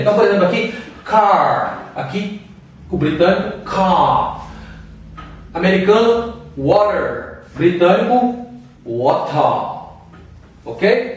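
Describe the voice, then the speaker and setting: A Brazilian man teaching English pronunciation keeps things casual, his pitch high, his explanations slow, with pauses to demonstrate sounds. Heavy echo surrounds his distant voice.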